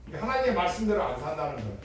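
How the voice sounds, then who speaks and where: A middle-aged man preaching a sermon as pastor, emphatic and full of rhetorical questions, moving from loud bursts to hushed tones. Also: fairly high pitch, huge pitch swings, rapid-fire. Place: church sanctuary. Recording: echoey hall, distant mic, faint noise.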